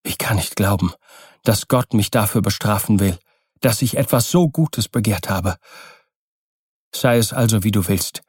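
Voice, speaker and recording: A man's voice: on the low side, measured pace, a little mellow, slightly rough, no echo, studio quality. A man voicing a troubled young husband in an audiobook reading, subdued and sorrowful. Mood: resigned.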